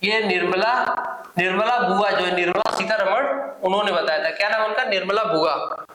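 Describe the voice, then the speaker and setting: Bright high-voiced man teaching, echoey room. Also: fairly even intonation, normal speed. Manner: question-and-answer drilling, repeats answers; informal asides and jokes. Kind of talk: current affairs quiz lesson.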